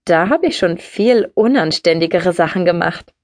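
A woman's voice: lowish voice, animated, moderate pace, dry recording, studio quality, lightly acted. A woman voicing a streetwise young woman who talks bluntly and breezily in an audiobook. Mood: breezy. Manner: blunt, breezy, matter-of-fact.

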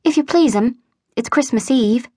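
An eager young maid, lifted high and pleading politely, as a woman narrator puts her on. She sounds deferential and hopeful, close to the mic in a dry studio. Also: moderate pace, mellow, dry recording, natural voice.

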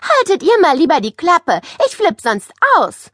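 A woman reading an audiobook voices a chatty, excitable schoolgirl who gushes over everything. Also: high voice, measured pace, dry recording, studio quality, pitched above the performer's own voice, full character voice. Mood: indignant. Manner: gushing, excitable. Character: chatty schoolgirl, spoiled but friendly now.

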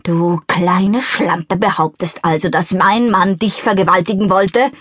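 A woman's voice: on the low side, fairly even intonation, measured pace, fairly bright tone, no room sound, studio quality. A woman voicing a furious, scornful middle-aged society wife in an audiobook. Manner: shrieking, scornful. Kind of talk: audiobook character voice.

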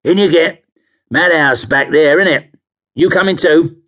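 A sinister cabbie, as a male narrator puts him on, falsely soothing and chummy. The voice is lifted and a little loud over a husky edge. It is an audiobook thriller. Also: on the high side, a little slow, pitched above the performer's own voice.

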